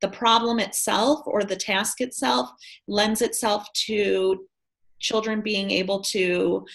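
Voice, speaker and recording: A woman's voice: mid-range voice, steady tone, slow, creaky, low-quality recording. Thoughtful woman teacher explaining. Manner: thoughtful, explains at length with some hesitations. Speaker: teacher participant. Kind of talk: explaining a teaching idea in a workshop. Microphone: video call.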